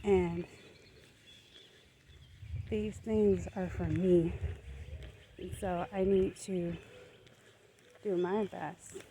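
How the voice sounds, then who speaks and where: A woman vlogger talking in an unhurried, reflective and gently motivational way while walking up a hill outdoors, recorded on a phone. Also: on the low side, a little hiss or hum. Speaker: lifestyle vlogger. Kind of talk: casual reflective vlog monologue.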